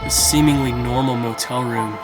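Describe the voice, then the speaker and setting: Male vlogger, medium-pitched, casual first-person narration with a music bed. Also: fairly even intonation, moderate pace. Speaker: vlogger narrating a motel stay.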